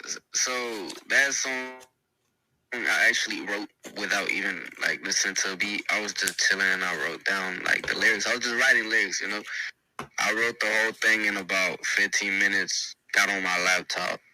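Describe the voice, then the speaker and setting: A teenage rapper from Venezuela answers interview questions as a guest, laid-back and slangy, with mumbled restarts. His voice is fairly low and sharp-toned at normal speed. The recording is rough.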